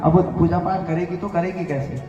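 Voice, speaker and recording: A woman's voice: lowish voice, fairly even intonation, normal speed, mellow, lightly acted. A woman preacher voicing an anxious, henpecked village priest in a devotional story. He complains and frets in a worried way. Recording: echoey hall from far off, dull sound, music behind.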